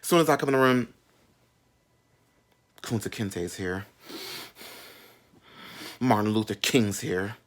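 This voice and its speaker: A man in his thirties speaks expressively and slowly, leaving long pauses, in a fairly low-pitched voice. He tells a personal story as a casual, animated storytime chat that's sassy, slangy and candid, with frequent asides.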